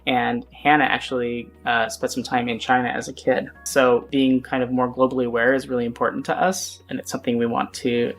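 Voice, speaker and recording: A man in his thirties from the United States hosting a family vlog, explaining things in a relaxed way with light laughs. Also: medium pitch, fairly quick, few pauses, soft background music. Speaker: vlog host, father. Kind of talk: casual family vlog talk.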